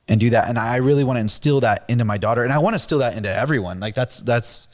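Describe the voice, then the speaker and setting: A middle-aged man co-hosting a casual faith-based podcast chat, halting and repeating his words as he talks about giving and trust. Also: mid-range voice. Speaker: podcast co-host.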